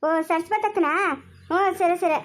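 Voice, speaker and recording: A woman performing a village comedy skit with a Chikkaballapur rural Kannada accent, chattering in fast, exasperated nagging. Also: very high-pitched.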